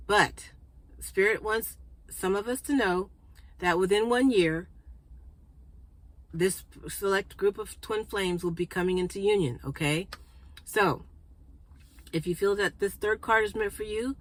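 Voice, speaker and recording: A woman hosting a spiritual card reading for her viewers, chatty and congested, clearing her throat and often checking in with "okay?". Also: mid-range voice, low-quality recording. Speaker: spiritual card reader and channel host.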